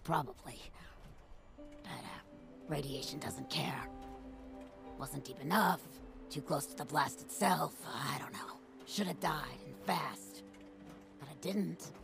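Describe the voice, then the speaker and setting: A deep, gravelly female voice belongs to a tough, gruff ghoul woman from Pittsburgh, USA, a factory worker who survived. In this video game dialogue she sounds tough and speaks bluntly, wryly and plainly.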